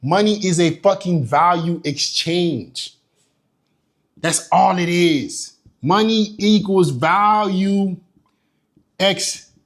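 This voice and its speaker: This young man from Nigeria, a business coach, speaks slowly in a high-pitched voice. His motivational business talk is forceful and profane, and he repeats key points to hammer them in.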